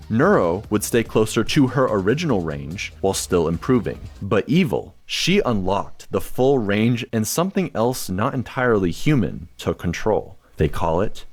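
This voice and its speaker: A man narrates a video essay from a script, slipping in wry, dry jokes. His pitch moves in a lively way. Faint music plays behind him.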